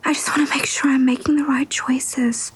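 An actress playing a tired, anxious young mother, whispering softly in a whispered role-play. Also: sits high, level tone, moderate pace, natural voice, poor audio. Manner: whispers softly to keep quiet.

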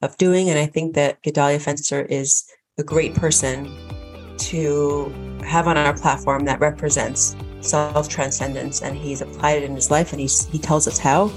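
A woman's voice: deep voice, steady tone, moderate pace, music in the background. A woman co-hosting a podcast, talking reflectively with fillers and restarts. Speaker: podcast co-host. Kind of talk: casual podcast talk.

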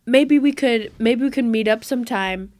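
A woman's voice: a little high, moderate pace, a little mellow, close to an everyday voice. A young woman imitating a pushy drunk man who keeps hitting on her, in an eager, insistent way.

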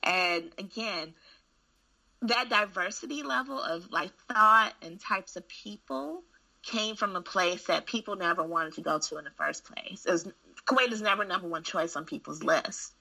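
Frank woman, low gravelly voice with a bright edge; candid, chatty storyteller. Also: normal speed, low-quality recording. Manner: candid, frank, animated storyteller with frequent restarts. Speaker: school administrator. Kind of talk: casual conversation.

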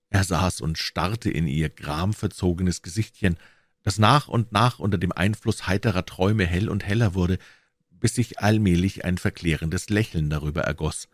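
A man reading a storybook aloud, measured and expressive. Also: low voice, no echo. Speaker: narrator.

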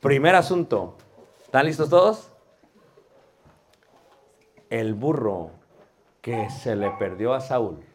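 A man teaching a class on preaching, quizzing students and sometimes lowering his voice for emphasis. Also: slow pace, pauses often, slight background noise. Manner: animated, asks the class questions, drops to a soft voice for effect. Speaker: homiletics teacher.

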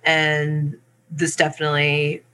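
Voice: mid-range voice, completely flat delivery, slow pace, pushed and bright, clear, resonant tone. An interview host in casual conversation, responding with enthusiasm and affirmation.

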